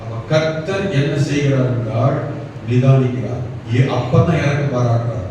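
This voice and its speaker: A man's voice: mid-range voice, lively intonation, moderate pace, mellow, slight background noise. A male pastor preaching a sermon in a church, firing off rhetorical questions and building to emphatic calls. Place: church hall. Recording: echoey church hall, mic from far off.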